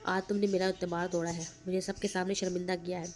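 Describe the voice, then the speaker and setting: An angry older husband in an audio novel, read by a woman narrator. He speaks with bitter reproach. The tone is dark and flat. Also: fairly low pitch, fast talker, soft background music, lightly acted.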